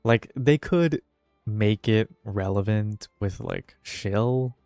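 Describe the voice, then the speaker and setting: A game streamer with a lowish, darkish voice speaks slowly, tossing out offhand, slangy remarks as he plays and often muttering to himself. Game music plays behind him, and the recording has no room sound.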